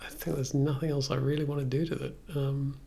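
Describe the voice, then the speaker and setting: Mellow and fairly quick with little pitch movement, this medium-pitched voice is also gravelly and creaky, belonging to a man in his thirties. He chats casually and hesitantly, thinking aloud as he works on a music production livestream. Faint noise and keyboard and mouse clicks accompany him.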